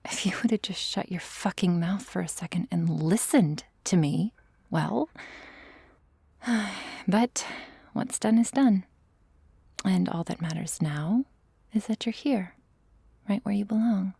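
A woman playing an obsessive, possessive young woman who holds a man captive, talking in a soft, menacing, profane whisper for an audio roleplay. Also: medium pitch, slow, gravelly, pauses often, breathy edge, dry recording, exaggerated voice. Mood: taunting. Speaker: voice actor.

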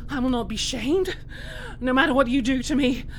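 A woman playing a wounded, proud but frightened captive warrior-monk in a dramatic audio role-play, stammering and breathy as she protests. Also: high voice, a little hiss or hum, natural voice. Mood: defiant. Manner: halting, stammering, pleading and protesting.

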